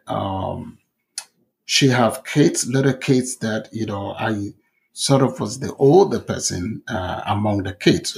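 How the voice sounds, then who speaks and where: Slow, gravelly-voiced Ghanaian man. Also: mid-range voice. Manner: hesitant, many fillers and restarts. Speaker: interview guest. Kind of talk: conversational storytelling.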